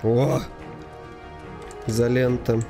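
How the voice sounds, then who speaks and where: A man's voice: medium pitch, little pitch movement, extremely slow, over music. Man casually commentating a video game. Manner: muttering to himself, reading item names aloud; informal, mild swearing. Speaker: gamer narrating own playthrough.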